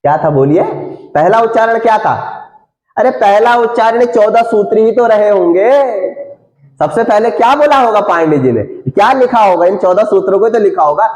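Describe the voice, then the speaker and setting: A man's voice: high-pitched, animated, moderate pace, darkish tone, roomy sound. A man teaching Sanskrit grammar in a lecture, asking questions over and over and answering them himself.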